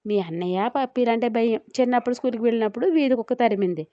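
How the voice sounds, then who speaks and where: Chatty gossipy auntie voiced by a woman, mellow voice, a bit muffled. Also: on the high side, fast talker, dry recording, close to an everyday voice. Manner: chatty, confiding. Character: middle-aged aunt, chatty and boastful gossip.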